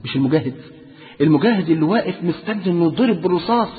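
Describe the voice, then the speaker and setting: A man's voice: on the high side, lively intonation, very fast. A man preaching a sermon in an Egyptian Arabic accent, fervent and asking his listeners questions again and again. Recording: tinny phone-like sound in a reverberant hall.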